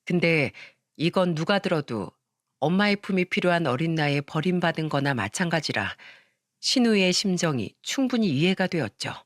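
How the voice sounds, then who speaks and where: A woman reading a scripted first-person story in an even storytelling manner. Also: on the low side, normal speed, no echo, studio quality. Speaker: story narrator.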